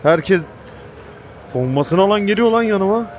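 A man giving excited, panicky commentary while playing a game, swearing and shouting at it. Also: sits high, unhurried, a little hiss or hum. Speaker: gaming YouTuber. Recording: game music playing behind.

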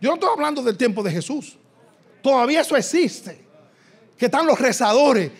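A man preaching a sermon with a high, bright-toned voice. His delivery moves from loud, fervent declarations to quiet, low-pitched passages, and he draws out scripture quotes slowly for weight. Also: big pitch swings, slightly rough. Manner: impassioned preaching, swinging from loud shouts to low hushed lines; slow, drawn-out reading of quoted scripture. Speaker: pastor.

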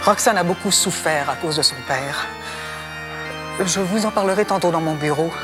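A middle-aged actress playing a composed convent nun who speaks with formal, polite authority. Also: female voice, fairly low pitch, normal speed, music in the background, close to an everyday voice. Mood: composed, firm. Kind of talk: television period drama acting.

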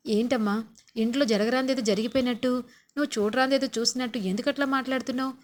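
A woman voicing a stern older man, the head of the family, pressing his daughter-in-law with quick firm questions. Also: a little high, steady tone, natural voice. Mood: stern questioning.

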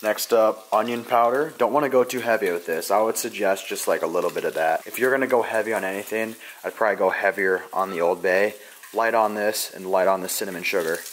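In a casual fishing vlog, a young man talks briskly in a lowish, slightly bright voice, leaning on fillers, with a bit of background noise. He holds a wide-angle camera at arm's length, going from a garage into an apartment kitchen and living room.

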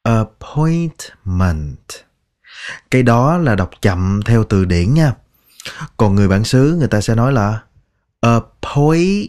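Slow, patient male English tutor. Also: on the low side, animated, a little mellow. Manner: patient, repeats words slowly and clearly. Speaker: English teacher. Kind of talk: language lesson.

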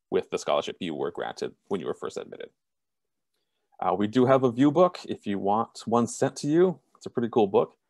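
A man from Southern California runs an online admissions session over a video call. His voice sits low and close and dry, with no room around it. He talks in an even, self-described monotone and is blunt about what he thinks. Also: no echo. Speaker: college admissions representative. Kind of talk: online information session presentation.

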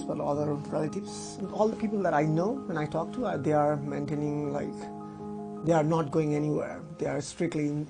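A young man from Nepal speaks earnestly and thoughtfully in a casual interview, often adding "like" and "right?". His voice is a little high and creaky, and he is in an indoor room by a curtained window.

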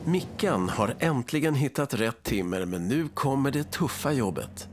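A man's voice: medium pitch, animated, a little hiss or hum. A man with a Swedish accent reading scripted reality TV narration. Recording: music under the voice-over.

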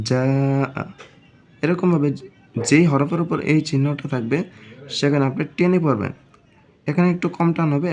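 A man giving a step-by-step reading lesson, explaining slowly and patiently and repeating each point. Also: a little high, darkish tone. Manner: slow, patient explaining with frequent repetition. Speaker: Quran reading teacher.

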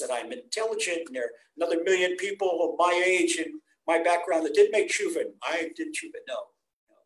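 An older man, a rabbi, teaching a weekly Torah class over a video call in an earnest, animated preaching way. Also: a little high. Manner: earnest, animated preaching, acting out quoted voices. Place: home room on video call. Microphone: webcam on a video call. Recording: roomy echo on a video call.

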